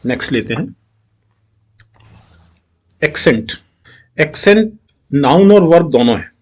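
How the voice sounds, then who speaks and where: Indian man teaching English grammar, slightly high voice. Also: very animated, a little mellow. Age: middle-aged. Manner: mixes Hindi and English, reads English sentences slowly and deliberately. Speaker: exam-prep English teacher. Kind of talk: explaining grammar questions in a video lesson.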